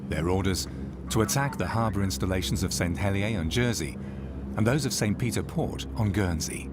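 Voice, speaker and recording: Deep-voiced male documentary narrator. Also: heavy background noise. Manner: measured, dramatic storytelling. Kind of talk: scripted narration. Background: music.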